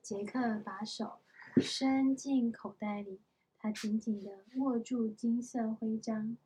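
A mother reading a storybook aloud to her young child at home, in a gentle, patient manner. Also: a little high, steady tone, slow pace, slight background noise.

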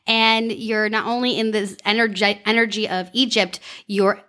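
Bright, animated woman telling a story. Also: medium pitch, moderate pace. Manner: animated, laughing, swearing, acting out her own thoughts. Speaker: podcast host. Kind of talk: casual storytelling chat.

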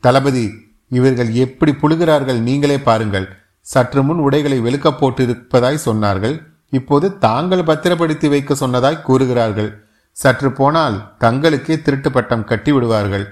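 A brash young warrior, bold and quick with his tongue, as a male narrator puts him on. He speaks with indignant, commanding force in a storybook reading. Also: medium pitch, close to an everyday voice. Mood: defiant.

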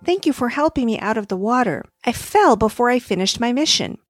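A woman's voice: fairly high pitch, animated, brisk, soft background music, voice pushed up. Woman reader playing a kind little star who soothes a child. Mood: gentle. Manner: gentle, reassuring. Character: small gentle kind talking star.

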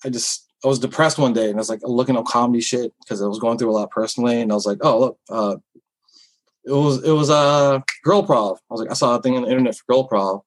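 Man, husky voice, rambling, lots of filler words, casual interview. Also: mid-range voice, rapid-fire, few pauses, poor audio. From Philippines heritage. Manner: rambling, many fillers and restarts, candid. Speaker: comedian guest.

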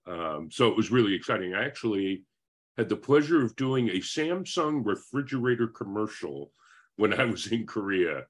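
A man's voice: on the low side, very animated, normal speed, breathy edge. A man in his fifties from Northern California, a guest telling his life story in a friendly, rambling way over a video call. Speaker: interview guest.

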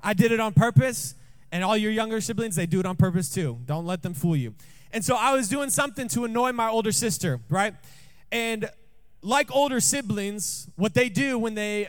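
High-voiced man preaching a jokey sermon. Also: moderate pace. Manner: jokey, asks the room questions often. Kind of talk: storytelling sermon to a congregation. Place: church.

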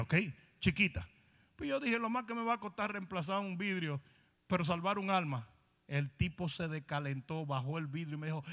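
A man preaching a confrontational sermon with a high, bright, forceful voice. His words ring out with a long reverb tail, as in a big church hall. He presses his listeners directly and does not soften his words. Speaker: pastor.

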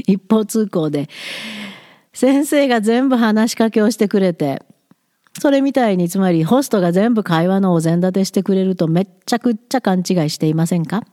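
A woman's voice: mid-range voice, expressive, normal speed, mellow, dry recording, clean studio sound. A woman commenting on study abroad in a frank, blunt, lightly teasing advice monologue.

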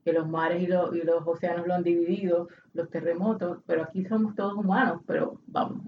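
A woman's voice: on the low side, steady tone, fairly quick. A woman with a Puerto Rican Spanish accent, co-hosting a casual conversation, thoughtful and often restarting her sentences. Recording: dull audio from a distance with faint noise.

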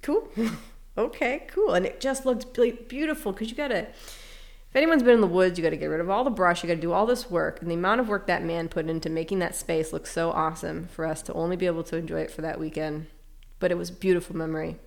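Gravelly-voiced woman sharing candidly. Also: on the low side, fast. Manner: candid, reflective, laughs easily. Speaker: interview guest. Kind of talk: casual emotional interview.

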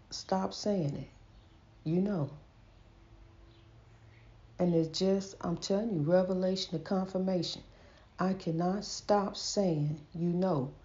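The host, a woman who says she stutters, delivers a casual, folksy inspirational preaching monologue, repeating herself and calling the listener honey. Her voice is mid-range and a little mellow. The recording quality is dull and lo-fi.

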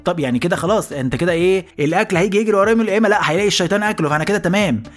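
A man with an Egyptian accent hosting a comedy podcast, telling stories in an animated monologue and slipping into voices. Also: sits high, faint music behind. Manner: rapid, animated, jumps into voices. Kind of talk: comic storytelling monologue.

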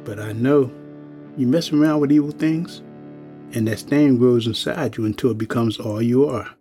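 Close to an everyday voice, this actor's dark, medium-pitched tone portrays a world-weary old working man issuing an ominous, plain-spoken, folksy warning. He speaks at normal speed over soft music in this audio drama.

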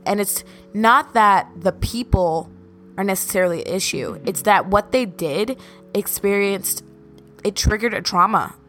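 In a mid-range, fairly bright voice, a young woman podcast host casually shares personal anecdotes in a monologue. She talks in a valley-girl manner, sprinkling "like" everywhere.

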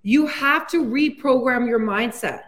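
High-voiced upbeat woman coach. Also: unhurried. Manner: upbeat, encouraging, speaks directly to the listener. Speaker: weight loss coach and podcast host. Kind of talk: solo motivational podcast talk.

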